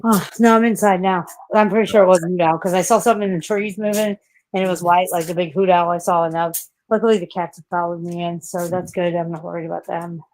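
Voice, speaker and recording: A woman's voice: on the low side, fairly even intonation, quick pace, a little mellow, a little hiss or hum, low-quality recording. A woman chatting casually on a live stream, rambling, laughing often and swearing freely.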